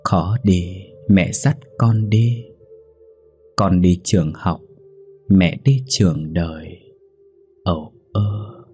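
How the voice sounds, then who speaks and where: A man voicing a mournful female ghost who sings a slow, sorrowful lullaby in a low, dark voice. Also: fairly even intonation, soft background music. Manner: slow, sorrowful sing-song chant.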